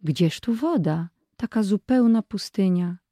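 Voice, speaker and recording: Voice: measured pace, no echo, clean studio sound. A reader doing frightened little girl Irenka. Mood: doubtful. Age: child. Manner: high, excited, anxious.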